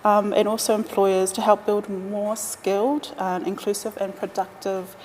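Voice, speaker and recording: A woman answers interview questions in a formal, halting way, with frequent ums between official phrases. Her mid-pitched voice carries in a long, hall-like reverb over audible background noise. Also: level tone, a little mellow. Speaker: operations manager being interviewed. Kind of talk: interview answers, partly prepared. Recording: noisy, reverberant hall with ambient sound.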